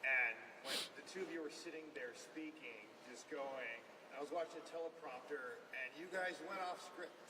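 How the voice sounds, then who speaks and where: A man with a fairly high voice asks a question from the audience, chatty and admiring, his wording loose and wandering. He sounds distant from the mic, with clear room noise around him. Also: moderate pace, few pauses. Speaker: reporter asking a question. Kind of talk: press conference question.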